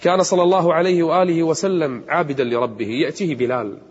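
A man giving an impassioned sermon, slowing down to chant verses. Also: a little high, fairly even intonation, breathy edge. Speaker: preacher. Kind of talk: emotional sermon. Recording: echoey hall on a dull cassette tape.

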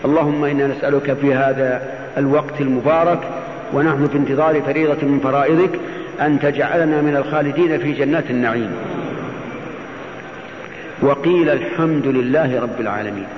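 A man's voice: mid-range voice, fairly even intonation, fairly quick. A man teaching as a religious scholar, giving Quran commentary in classical Arabic and often posing questions that he then answers. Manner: didactic, poses questions and answers them. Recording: muffled, echoey hall, faint noise.

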